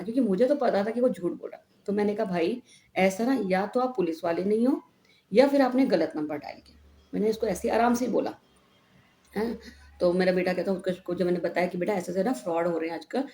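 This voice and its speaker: A chatty middle-aged woman from India talks straight to her viewers in a casual vlog, her voice mellow and warm. She keeps asking them "हैं?" and retells the call with a lively back-and-forth. The room gives a clear echo, with a faint hiss of noise behind her. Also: mid-range voice. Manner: chatty, animated retelling with frequent "हैं?" tags. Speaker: vlogger. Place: home room.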